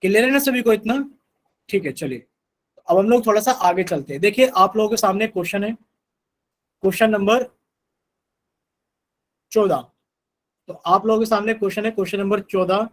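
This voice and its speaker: A man's voice: sits high, normal speed, pauses often, poor audio. A man teaching a live online math class, patiently repeating instructions to his students.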